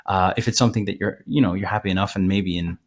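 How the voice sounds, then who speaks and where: A man presenting a live webinar, talking casually with many fillers and restarts, his voice a little hoarse. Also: low voice, fairly even intonation, fast talker. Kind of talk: live webinar sales pitch.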